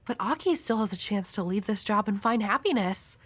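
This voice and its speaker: A woman's voice: medium pitch, expressive, fairly quick, lightly acted. Himeno, a woman playing a flirty, world-weary devil hunter. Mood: wistful, resigned. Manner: teasing, coy, breathy at times. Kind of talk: intimate audio roleplay addressed to the listener.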